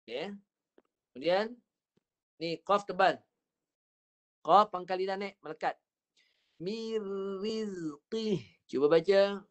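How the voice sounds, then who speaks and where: A man with a Malaysian Malay accent leads an online Quran reading class over a video call. His voice sits high for a man, and he coaches with patience, stretching out words slowly to demonstrate them. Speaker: Quran recitation teacher.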